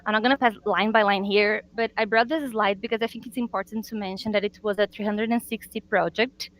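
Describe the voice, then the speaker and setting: A woman from a marketing team presenting results on a video call, earnest and halting, with frequent fillers. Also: mid-range voice, steady tone, a bit bright. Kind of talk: business presentation.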